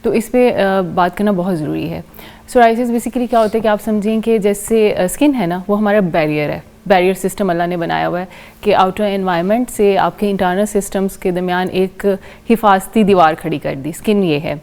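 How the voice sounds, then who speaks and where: A woman's voice: mid-range voice, darkish tone. A woman with a Pakistani accent, a dermatologist guest on a TV show, explaining patiently with simple everyday comparisons. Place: TV studio.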